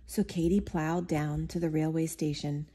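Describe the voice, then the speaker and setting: A woman reading a picture book aloud, giving the characters lively, expressive voices. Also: deep voice, moderate pace, a little hiss or hum. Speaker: storybook reader.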